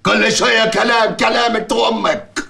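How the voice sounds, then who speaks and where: An actor with an Upper Egyptian accent playing a domineering village mayor who taunts and threatens in a TV drama. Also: male voice, very high voice, fairly even intonation, a little fast, vocal fry, pushed and bright, reverberant, a little hiss or hum, heavily acted. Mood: menacing. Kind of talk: TV drama acting.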